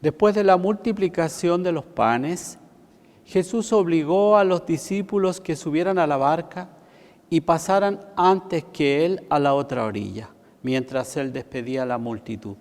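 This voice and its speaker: A man's voice: on the high side, measured pace, a little mellow. A male priest solemnly reads the Gospel in a church with cathedral echo. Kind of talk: solemn liturgical Gospel reading. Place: large church, amplified.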